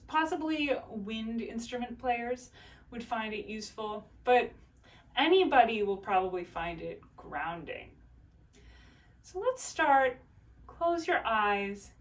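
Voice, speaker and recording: A woman voice teacher calmly guiding a breathing exercise and body scan, in slow, soothing instructions. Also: fairly high pitch, distant mic.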